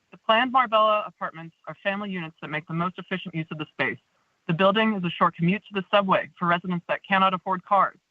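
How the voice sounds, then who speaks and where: Woman calling in by phone, thin lo-fi line with no room echo, reads a measured public comment. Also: fairly low pitch. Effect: tinny phone line. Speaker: public commenter at a planning meeting. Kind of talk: reading a prepared statement. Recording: tinny dry phone line.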